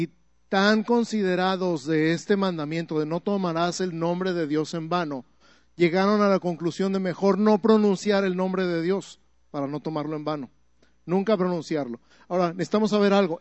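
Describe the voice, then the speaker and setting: With a voice on the high side and slightly mellow, a man delivers a teaching-style sermon, questioning his audience and building toward forceful repetition. There's no room sound in the recording.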